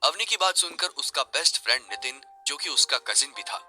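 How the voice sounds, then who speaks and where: Man, story narrator, expressive, slightly high, very bright. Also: brisk, faint music behind, poor audio. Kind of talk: scripted narration of an audio story.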